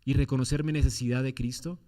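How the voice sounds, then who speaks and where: A man's voice: mid-range voice, fairly even intonation, quick pace, dark tone. A man preaching a sermon as pastor, firing off rhetorical questions with emphatic swings in his delivery.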